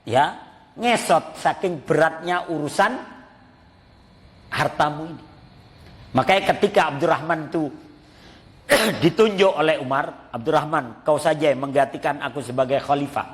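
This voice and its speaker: A man's voice: on the high side, moderate pace, long pauses. A man giving a mosque sermon, telling stories, acting out the voices in them and addressing his listeners as Pak. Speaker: preacher. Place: mosque hall. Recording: long reverb of a mosque hall.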